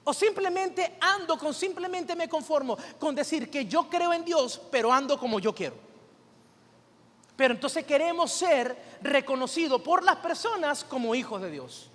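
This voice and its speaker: A male pastor preaching in a high voice, throwing rhetorical questions at the congregation and drawing answers back from them. His sermon rings with the long reverb of a church hall. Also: expressive, normal speed, a bit bright.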